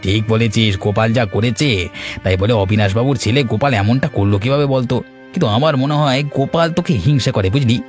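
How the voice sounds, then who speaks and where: A man's voice: mid-range voice, fast talker, a little mellow, faint music behind, natural voice. A man voicing a meddling village troublemaker in a cartoon, needling and teasing. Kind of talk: cartoon voice acting.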